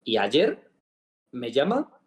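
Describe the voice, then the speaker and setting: Speaking slowly in a mid-range voice, this man co-hosts a podcast and casually chats. He tells a story with jokes, giving an animated retelling of a phone call.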